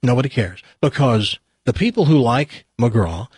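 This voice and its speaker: A male radio host with a husky, mid-pitched voice talks in a blunt, rambling, conversational way. The sound is very dry and close. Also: animated, unhurried, darkish tone, no room sound. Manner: blunt, direct. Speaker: radio morning show host. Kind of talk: rambling casual radio talk.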